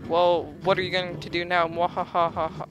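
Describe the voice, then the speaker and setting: A woman voicing a gloating evil dentist villain from a game with slow, theatrical menace. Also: medium pitch, monotone, lo-fi sound, noisy background, natural voice.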